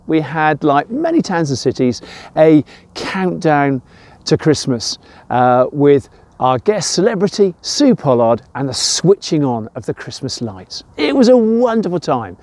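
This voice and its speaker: An older man with an English accent gives an informal, emphatic devotional talk for church, weaving in personal anecdotes. His voice is a little high and a little mellow.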